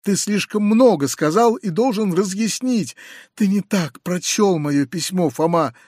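A man's voice: high-pitched, a little slow, a little mellow, no room sound, studio quality, voice pushed up. A man doing a distraught, pleading uncle. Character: kindly middle-aged uncle, trembling with agitation. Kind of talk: audiobook reading.

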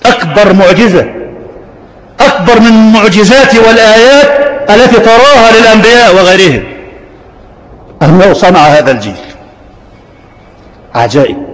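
A man's voice: high-pitched, a bit bright, slight background noise. A man with an Egyptian accent preaching a religious sermon with passion, repeating himself and asking rhetorical questions. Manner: impassioned, repetitive rhetorical questions. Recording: long hall reverb.

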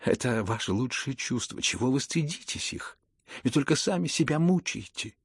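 A man voicing a meek, gentle young prince in an audiobook, who talks softly and hesitantly, with a husky voice. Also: medium pitch, lively intonation, normal speed, no room sound, studio quality, voice pushed up. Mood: earnest. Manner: soft, hesitant and earnest. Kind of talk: audiobook character reading.

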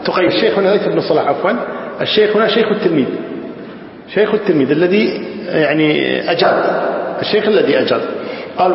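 A man teaching a classical hadith text and explaining it line by line, often asking his listeners questions. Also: sits high. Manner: explains lines of verse, asks students questions. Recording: dull, very echoey hall recording.

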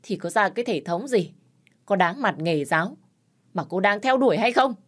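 A woman voicing a harsh older mother-in-law who scolds and insults in a shrill, raised voice. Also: lively intonation, moderate pace, slightly rough. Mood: enraged.

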